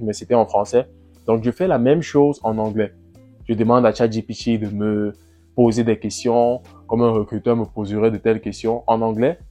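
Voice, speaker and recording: Low, mellow-voiced man vlogging casually. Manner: relaxed, repetitive, with frequent restarts and "euh". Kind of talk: casual first-person vlog.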